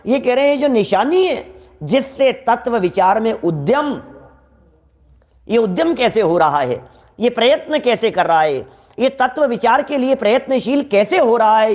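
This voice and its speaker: A man lecturing on scripture in a sermon, speaking straight to his listeners, repeating lines for emphasis and acting out everyday dialogue. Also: extremely high pitch. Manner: animated, acts out quoted dialogue from daily life.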